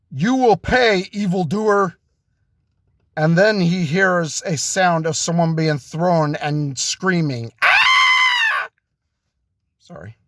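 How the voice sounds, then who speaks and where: A man telling an improvised story in a halting way, with restarts and self-corrections. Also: on the high side, no echo. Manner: slow, halting delivery with restarts.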